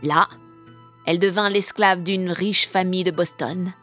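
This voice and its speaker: A woman reading brings to life a vengeful witch in a storybook, who threatens in a hushed, menacing growl. Her voice sits low, and faint music plays beneath it. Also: fairly even intonation, a little slow. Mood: storytelling.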